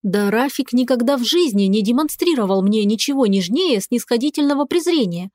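A woman reading a first-person audiobook narration in a lively, expressive way. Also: fairly high pitch, fairly quick, dry recording, studio quality.

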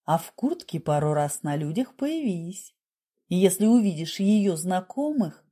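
Brief: woman putting on a sly, soft-spoken male doctor, low and mellow, storybook reading. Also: a little slow. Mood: coaxing. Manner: coaxing, calmly persuasive. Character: man, smooth scheming clinic doctor.

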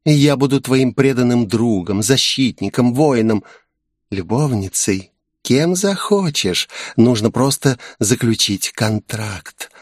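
A man's voice: medium pitch, lively intonation, takes it slowly, no room sound, studio quality. A man voicing a coy, playful female demon guardian in an audiobook, purring and teasing. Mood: coaxing. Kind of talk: audiobook character voice.

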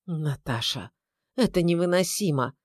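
A woman's voice: on the low side, expressive, measured pace, no room sound, clean studio sound. A woman voicing a sarcastic, irritable middle-aged husband who grumbles. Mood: irritated.

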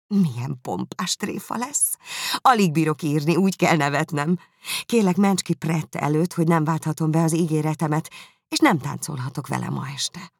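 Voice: medium pitch, no echo, studio quality, close to an everyday voice. A narrator reading out a letter as Lydia, a giddy, careless young woman, in a playful breezy way.

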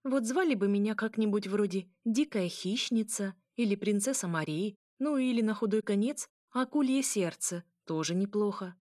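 A woman's voice: medium pitch, animated, normal speed, hardly any pauses, no room sound, clean studio sound, lightly acted. A woman doing a brash, boisterous mermaid noble. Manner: loud, laughing, commanding.

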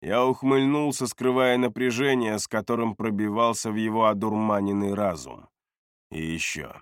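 A man narrating a first-person fantasy audiobook in a steady, measured manner. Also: lowish voice, clean tone, no room sound, studio quality.

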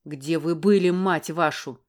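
A woman reading the lines of a gruff, irritable father who snaps at others, in an audiobook. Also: low voice, moderate pace, darkish tone, close to an everyday voice. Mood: angry. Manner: gruff, snapping.

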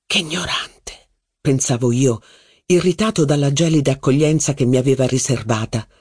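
A man reading a literary novel aloud as an audiobook in a measured, expressive manner. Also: mid-range voice, breathy edge, no room sound, clean studio sound. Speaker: audiobook reader.

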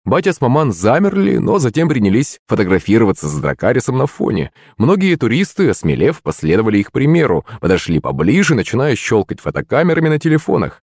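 A man narrating a first-person fantasy audiobook in a wry, expressive storytelling manner. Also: medium pitch, fast, few pauses, breathy edge, no echo, clean studio sound.

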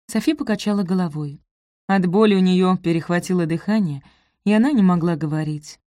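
A woman's voice: on the low side, a little fast, dark tone, dry recording, studio quality. A woman narrating a novel as an audiobook, reading expressively and giving each character a voice.

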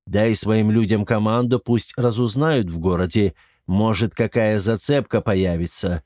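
A man voicing a cold, commanding vampire sorcerer who speaks in measured orders. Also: lowish voice, fairly even intonation, darkish tone, no room sound, clean studio sound, natural voice.

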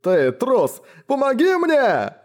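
A man's voice: medium pitch, lively intonation, normal speed, darkish tone, lightly acted. A man voicing a plump, cowardly aristocrat baron in an audiobook, wailing and full of self-pity. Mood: furious. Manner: wailing, self-pitying cries of pain. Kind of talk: audiobook reading.

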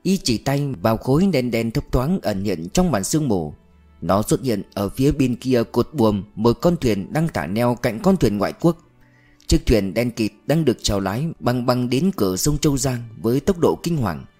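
A man reads a mystery novel aloud in calm, steady narration. His voice sits at an ordinary middle pitch. Faint music plays quietly behind him. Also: moderate pace. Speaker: audiobook narrator.

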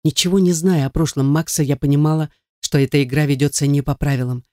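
A man's voice: on the high side, steady tone, fast talker, mellow, no echo, clean studio sound. A man narrating a first-person novel in a tense, dramatic reading. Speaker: audiobook narrator.

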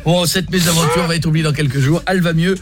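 A man's voice: a little high, fairly even intonation, noisy background. A man hosting a radio show, joking and mocking his way through the day's stories and listener plugs. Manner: jokey, mocking, quick to riff. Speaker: radio host. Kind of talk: morning radio banter.

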